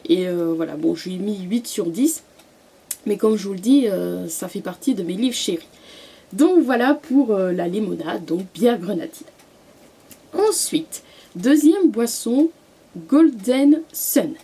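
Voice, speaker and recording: A young woman talks through her favourite books in a relaxed vlog. Her voice is mellow and a little husky. She hesitates a lot, restarting sentences and filling pauses as she goes. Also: mid-range voice. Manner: hesitant, many fillers and restarts. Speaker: book vlogger. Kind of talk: casual book review vlog.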